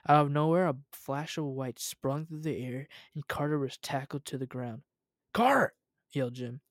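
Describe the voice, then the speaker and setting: A man's voice: mid-range voice, flat delivery, moderate pace, no room sound, studio quality. A young man reading a story aloud at home, casual, with asides.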